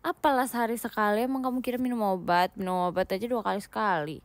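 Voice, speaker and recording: A woman's voice: medium pitch, steady tone, quick pace, no room sound. A young woman from Indonesia chatting casually with viewers on a livestream, playful and giggly, mixing in English words while lying down at home. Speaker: idol livestreamer.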